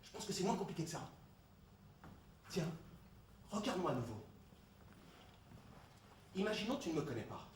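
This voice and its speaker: In a comedy sketch dialogue, a man with a high-sitting voice talks insistently, explaining things and laughing easily. He is very animated, at normal speed, with long pauses. The echoey room and distant mic add a little hiss or hum.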